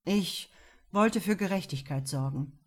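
A woman's voice: lowish voice, a little slow. A woman reading the lines of a male police officer who is cocky but disillusioned, in a blunt, self-mocking way. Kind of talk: audiobook dialogue reading.

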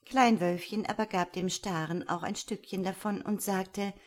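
A woman reading a fairy tale aloud in a calm, even storytelling manner. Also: medium pitch, normal speed.

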